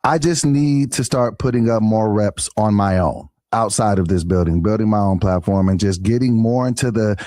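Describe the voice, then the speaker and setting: A man's voice: lowish voice, normal speed, few pauses, warm tone, no room sound, studio quality. A man speaking reflectively and plainly as a guest in a casual interview.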